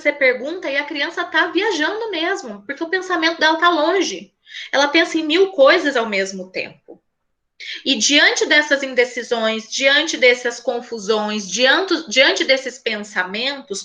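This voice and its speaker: High bright-voiced woman educator. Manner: conversational, asks "né?" often; acts out children's voices in examples. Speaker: educator speaking to parents. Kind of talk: talk at a parents' school session.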